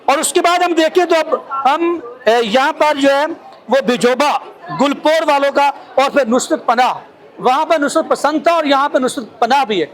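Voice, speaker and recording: A man's voice: very high-pitched, fairly bright tone, poor audio. A male field reporter with a Pakistani Urdu accent gives a walking tour of an exhibition, listing items one by one with many fillers, speaking into a handheld mic. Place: crowded indoor exhibition hall. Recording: crowd chatter behind.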